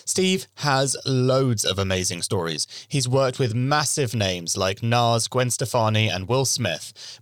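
A man's voice: mid-range voice, fairly bright tone. Male podcast host. Mid-range voice, presenter delivery, dry studio-clean sound with no room echo. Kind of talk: scripted podcast introduction and interviewing.

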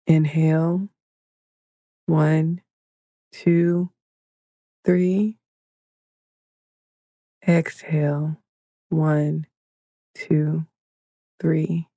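A woman leading a guided meditation in a slow, soothing, hushed manner, counting breaths and counting down. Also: deep voice, flat delivery, no room sound, clean studio sound.

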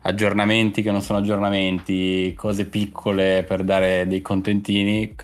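Laid-back male podcast co-host, low pitch, faint music underneath. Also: monotone, moderate pace. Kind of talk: casual chat about video games.

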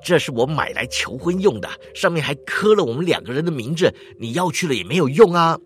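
Earnest young boyfriend, lower and held back, as the male narrator plays him. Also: very animated, fairly quick, soft background music. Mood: tense. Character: earnest young man proposing, then enraged.

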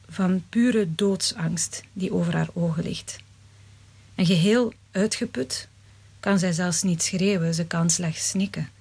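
A woman reading a first-person story aloud in a measured, dramatic way. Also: on the low side, creaky, a little mellow, husky. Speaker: narrator.

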